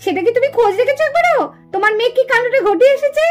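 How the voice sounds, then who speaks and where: A woman doing a shrill scolding village mother. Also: expressive, racing, soft background music. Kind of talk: doll puppet show voicing.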